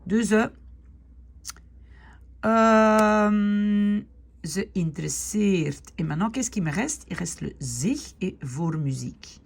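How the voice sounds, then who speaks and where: Slow, lively, gravelly-voiced woman teaching. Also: medium pitch. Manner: explains step by step, often checks with "d'accord?" and "ok?"; slows down to spell out Dutch words. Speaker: Dutch teacher. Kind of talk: online grammar lesson.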